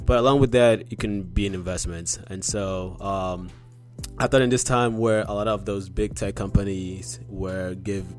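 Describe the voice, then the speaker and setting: Deep-voiced relaxed male podcast co-host. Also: normal speed, soft background music. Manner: relaxed, filler-heavy talk about investing. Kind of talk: casual podcast chat.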